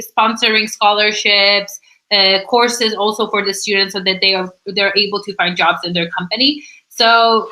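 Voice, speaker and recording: A woman hosting a casual livestream chat, lively and playful as she explains. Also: fairly high pitch, rough recording. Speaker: host.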